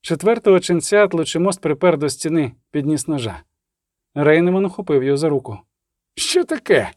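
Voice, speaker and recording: A man narrating an audiobook in a steady storytelling read, acting out the characters' lines. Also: on the high side, a little fast, no echo, studio quality.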